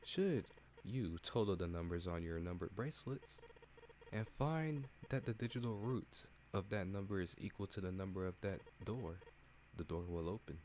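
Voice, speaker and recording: Man voicing a cold masked captain, low and measured, in a game read-along. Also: a little mellow, a little hiss or hum, lightly acted. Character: mysterious masked male captain, cold and implacable. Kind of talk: reading a game aloud in voices.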